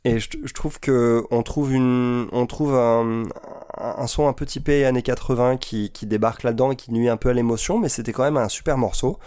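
A man's voice: mid-range voice, fairly even intonation, normal speed, dark tone, smooth. A man co-hosting a casual music show, giving careful opinions and searching for words with many fillers. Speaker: co-host.

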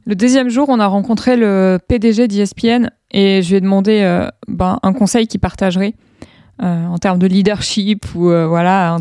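A woman hosts an interview in a relaxed, conversational way and shares personal anecdotes. Her voice is warm and mellow, with a medium pitch. The sound is dry and close, with no room echo. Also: moderate pace. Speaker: interviewer, account host. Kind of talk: casual interview chat.

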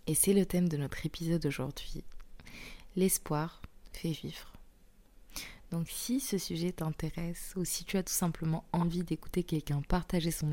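A young woman hosting an intimate solo podcast while sick with tonsillitis, speaking softly through a very sore throat and often slipping into a breathy near-whisper. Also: sits low. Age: young adult. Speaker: podcast host.

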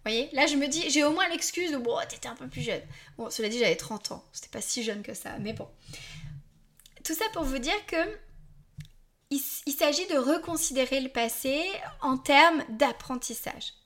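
A woman's voice: high voice, moderate pace, fairly bright tone. Chatty fortysomething woman podcaster. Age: 40s. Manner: chatty, candid, addresses listeners directly; self-deprecating with asides and apologies. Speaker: podcast host. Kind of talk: casual podcast monologue.

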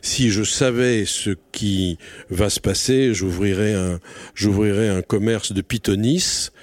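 Male guest, low voice, halting and restarting, dry mic. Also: no room sound. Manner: hesitant, many fillers and restarts. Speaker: interview guest, author. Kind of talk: casual interview chat.

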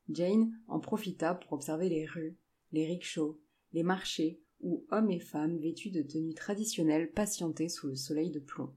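A woman narrates a story in a measured, even reading voice. Her tone is low and mellow, with a soft, dark color. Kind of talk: scripted narration.

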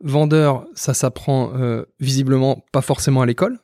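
A man hosting an interview in a relaxed chatty way, asking open questions. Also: mid-range voice, normal speed, dry recording, clean studio sound. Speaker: podcast host. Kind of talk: casual interview chat.

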